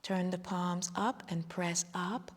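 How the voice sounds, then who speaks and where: A woman leading a guided meditation and qigong session, speaking slowly and soothingly and drifting into soft whispers. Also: fairly low pitch, steady tone. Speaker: qigong instructor. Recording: long hall reverb.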